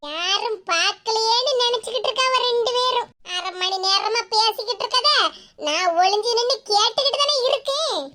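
A woman's voice: very high-pitched, moderate pace, very noisy. A woman voicing a sarcastic grown daughter with a Kanyakumari accent. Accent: Kanyakumari Tamil. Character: sharp-tongued grown daughter, suspicious.

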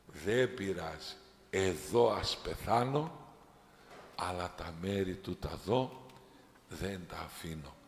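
A man's voice: sits low, vocal fry, pauses often, a little hiss or hum. A male priest voicing a tearful, stubborn old monk in a sermon, in an echoey church. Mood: defiant.

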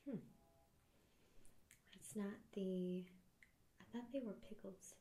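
A young woman doing a soft-spoken ASMR unboxing, drifting into whispers and stumbling over foreign words. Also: medium pitch, takes it slowly, reverberant. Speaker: ASMR creator.

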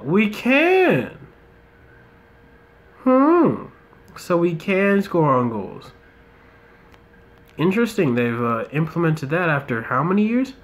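The young American's commentary on his mobile football match stays laid-back, with muttered remarks and occasional rants, delivered in a medium-pitched voice from an indoor room.

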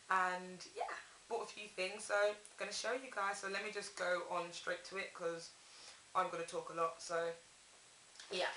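A woman's voice: fairly low pitch, sharp tone. Young female vlogger, casual and rambling, self-correcting; echoey small room, faint hiss on camera mic. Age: young adult. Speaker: haul vlogger. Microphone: camera mic at arm's length. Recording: echoey bathroom, audible hiss.

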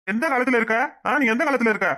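A man plays a loyal, hot-headed young village man in a cartoon, who boasts and defies his elders. His voice sits high and bright, and he talks fast. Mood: defiant. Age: 20s. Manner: defiant, boastful. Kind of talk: cartoon voice acting.

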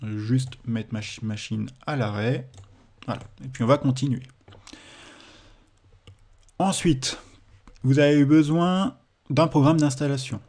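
A man's voice: mid-range voice, unhurried, long pauses, a little mellow. A man with a French accent, explaining a computing exercise in a screen-recorded tutorial, with hesitations and self-corrections. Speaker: teacher.

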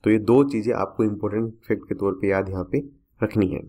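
A man's voice: fairly low pitch, fairly even intonation, fast, mellow. A man teaching a current affairs lesson for exam students, repeating key facts to remember.

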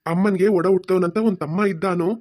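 A woman voicing a gentle, patient father in a cartoon who calms his family. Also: fairly low pitch, lightly acted. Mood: soothing. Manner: soothing, quick talker. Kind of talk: cartoon voice acting.

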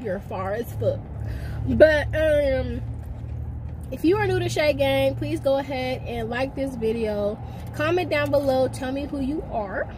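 A young woman hosting a casual vlog from her car, chatty and playful, talking loudly. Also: high voice, animated, a little slow. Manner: chatty, loud and playful, hollering over the noise. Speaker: vlog host. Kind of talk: casual chat. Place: car with the window down. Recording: traffic noise through an open car window.

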